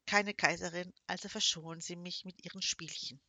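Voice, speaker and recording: A woman's voice: on the low side, fairly even intonation, normal speed, sharp tone, dry recording. A woman voicing a young forensic assistant who speaks in a cool, curt and sarcastic way.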